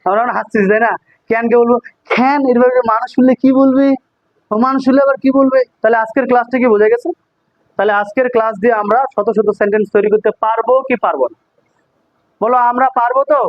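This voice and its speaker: A man with a notably high voice runs an English grammar class. He drills example sentences back and forth between two languages and keeps checking whether the students follow. The recording is dry and slightly muffled. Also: fairly even intonation, quick pace, no room sound. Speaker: English teacher.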